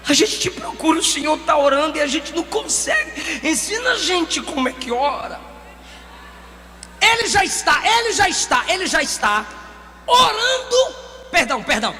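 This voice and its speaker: Brazilian lady preaching loud, bright ringing voice, big church echo, music faint. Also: high-pitched, sing-song, normal speed. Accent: Brazilian Portuguese. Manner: shouting, emphatic, acts out quotes. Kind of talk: sermon. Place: church hall.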